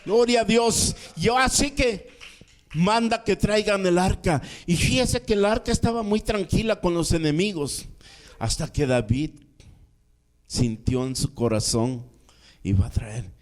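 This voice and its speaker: A male minister preaching a sermon, telling a Bible story dramatically, swinging from soft low asides to raised emphatic lines and calling out amén. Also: measured pace.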